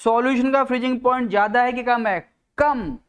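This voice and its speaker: A man's voice: very high voice, fairly even intonation, a bit bright, clean tone. A man teaching a chemistry class, speaking Indian English mixed with Hindi and calling students beta while explaining a board diagram. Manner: slow, deliberate board explanation with frequent pauses. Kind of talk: classroom lecture.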